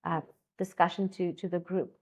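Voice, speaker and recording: In this casual conversation, a co-founder and education designer from South Africa, an Afrikaans-speaking woman, talks with eager energy, often restarting and padding her speech with fillers. Her voice is fairly low and level, at a normal speed.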